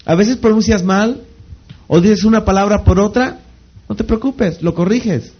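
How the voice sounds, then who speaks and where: Guy with a high voice doing a motivational sales training talk, keeps asking "what?" and answering himself, kinda muffled recording. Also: unhurried, slightly rough. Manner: asks rhetorical questions and answers them himself; repeats phrases for emphasis. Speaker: network marketing trainer. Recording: slightly dull lo-fi recording.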